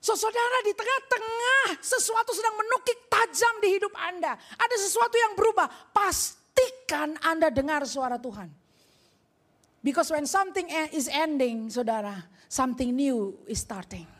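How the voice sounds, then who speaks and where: High-voiced woman pastor preaching. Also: normal speed. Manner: lively storytelling, acts out family dialogue. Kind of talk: sermon with Indonesian-English code-switching.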